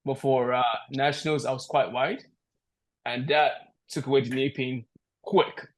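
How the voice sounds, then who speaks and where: Steady in tone and unhurried, this mid-range male voice belongs to a powerlifter from Nigeria. He's an easygoing, self-deprecating podcast guest on a video call, speaking from a room at home with the device placed a short way off.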